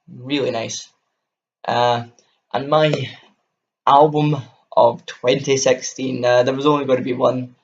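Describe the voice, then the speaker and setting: A young man from Scotland, speaking with a Scottish accent, rambles enthusiastically through a casual album review to camera as a music vlogger. His voice sits in the mid-range with vocal fry, and the audio sounds dull.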